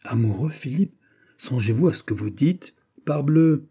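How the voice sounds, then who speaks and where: A man's voice: medium pitch, lively intonation, a little slow, dark tone, slightly rough, pitched above the performer's own voice. A man voicing a proud queen mother in an audiobook, stern and admonishing. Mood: reproving. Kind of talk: audiobook character voice.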